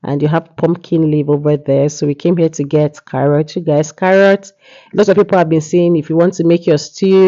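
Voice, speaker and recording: In this casual market vlog, a woman from Nigeria talks with a cold-congested voice. Her tone is low and warm, and the sound is lo-fi. "Yeah" and "you know" come up often in her chatty narration.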